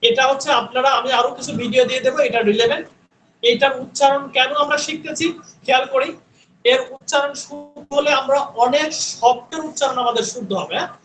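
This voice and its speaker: A man teaching an online spoken English class, repeating each sound slowly and checking in with his students. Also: very high voice, a bit bright, reverberant, a little hiss or hum, low-quality recording.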